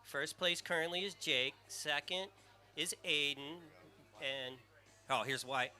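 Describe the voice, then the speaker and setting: A man calling a live surf contest, excitable and rambling, with a squeaky surfer voice, naming riders by jersey color. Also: slow pace, soft background music.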